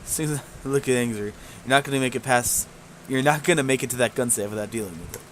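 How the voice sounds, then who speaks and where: A man's voice: mid-range voice, quick pace, slight background noise. A man playing a video game, reading its text aloud and adding casual, muttered asides. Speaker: let's play gamer.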